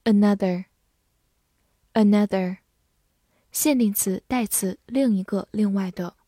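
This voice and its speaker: A woman teaching English vocabulary in Chinese, spelling each word letter by letter and reading example sentences slowly and carefully. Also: medium pitch, warm tone, husky, no echo, studio quality. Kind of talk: scripted vocabulary lesson.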